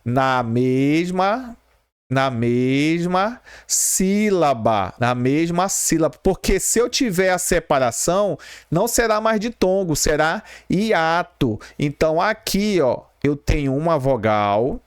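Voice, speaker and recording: A man's voice: fairly high pitch, lively intonation, unhurried, clean tone, no room sound, clean studio sound. A man with a Brazilian Portuguese accent teaching an exam-prep grammar lesson, explaining step by step and repeating key terms while checking in with viewers.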